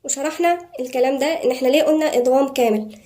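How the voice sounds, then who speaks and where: Woman, Egyptian accent, high pitch, mellow tone, tajweed teacher, quick explanations, slow drawn-out model recitation. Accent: Egyptian Arabic. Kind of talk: tajweed lesson.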